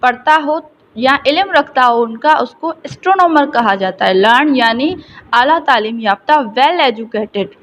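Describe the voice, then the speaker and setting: High-voiced Pakistani woman teaching English slowly. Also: a little hiss or hum, poor audio. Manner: reads English slowly, then explains it in Urdu. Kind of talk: recorded classroom lesson.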